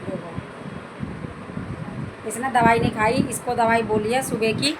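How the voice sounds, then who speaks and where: A woman's voice: a little high, a little slow. A middle-aged woman and mother chatting casually to viewers from her home kitchen, repeating herself and calling them guys. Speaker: vlogger, mother. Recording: noisy home phone recording.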